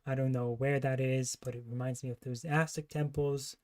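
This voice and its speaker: A man's voice: medium pitch, flat delivery, normal speed, darkish tone. A man hosting a livestream, giving casual, critical commentary as he reacts to a trailer. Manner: critical, disparaging.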